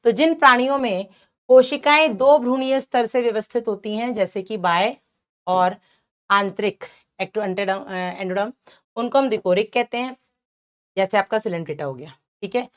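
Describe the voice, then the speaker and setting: A woman's voice: medium pitch, measured pace. A woman teaching biology in an online exam-prep lecture, explaining patiently and calling her students "beta", with English terms mixed in. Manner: mixes English terms into speech.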